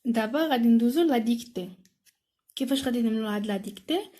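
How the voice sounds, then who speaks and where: A woman with a Moroccan accent, explaining a French lesson and reading sentences slowly and carefully, as in a dictation. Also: on the high side, mellow. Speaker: teacher.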